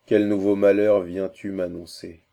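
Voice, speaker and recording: A man doing an old prince in an audiobook, broken by grief yet burning for vengeance, barking orders in a low, mellow voice that rises sharply when he is angered. He sounds commanding and bitter. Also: flat delivery, measured pace, gravelly. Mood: weary grief. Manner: anguished, then commanding and vengeful. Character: grief-stricken old Indian prince, wrathful father.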